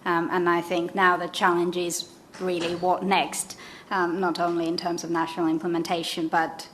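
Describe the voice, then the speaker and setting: A woman speaking as a conference panelist, measured and hesitant, with many pauses and fillers. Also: on the low side, completely flat delivery, fairly bright tone, a little hiss or hum, rough recording. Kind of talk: panel discussion remarks. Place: conference hall.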